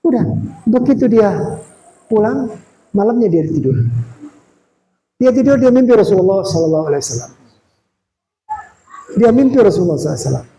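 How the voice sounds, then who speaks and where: A man giving a sermon as a visiting preacher in a small prayer room, telling a story in a lively way and acting out the quoted dialogue. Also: high voice, a little fast, long pauses, poor audio.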